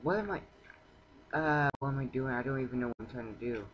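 A young man in his teens giving excitable, rambling commentary over a video game, talking to himself. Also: fast. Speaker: gameplay video maker. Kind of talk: casual gameplay commentary. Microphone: cheap computer mic. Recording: muffled low-quality computer mic, faint background hum.

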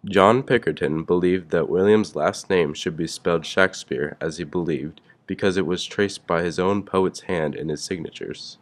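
Deep-voiced man reading a school report. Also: moderate pace, hardly any pauses. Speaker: student presenter. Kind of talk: scripted narration for a school project.

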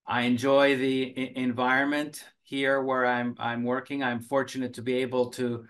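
A middle-aged man from Finland, a cancer researcher and oncologist, answering interview questions in a measured way over a video call from a home office, with many filler sounds and restarts. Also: medium pitch, flat delivery, a bit bright.

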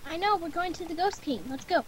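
A woman's voice: extremely high pitch, fairly quick, fairly bright tone. A young woman with a scratchy throat, chatting eagerly with a friend during an online game. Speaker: gamer. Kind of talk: casual game chat.

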